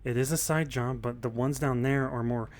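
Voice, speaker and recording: A man's voice: mid-range voice, fairly even intonation, normal speed. A man speaking in character in a roleplay, tired and earnest, often restarting his sentences. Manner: weary, earnest, with false starts. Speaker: roleplay player.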